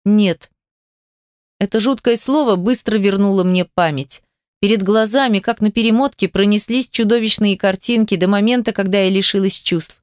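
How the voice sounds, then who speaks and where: A woman's voice: mid-range voice, fairly quick, dry recording. Woman narrator, audiobook, emotive, dramatic, dry close sound. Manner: emotive, dramatic first-person reading.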